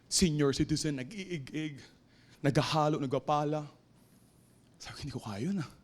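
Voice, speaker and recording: A man with a Filipino accent preaching a sermon in a church, swinging between shouted exhortation and low, quiet storytelling. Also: normal speed. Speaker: pastor. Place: church sanctuary.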